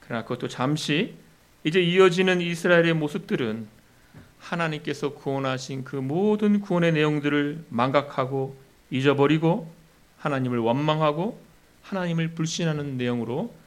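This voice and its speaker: A man preaching a sermon as a pastor. His voice climbs and gets louder when he voices the complaints of the people, then drops low and soft to close each point. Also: normal speed. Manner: rises in pitch and volume when voicing complaints to God.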